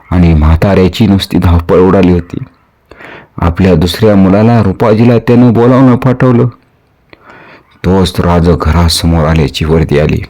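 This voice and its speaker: A man narrating a historical story in an expressive, dramatic manner. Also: low voice.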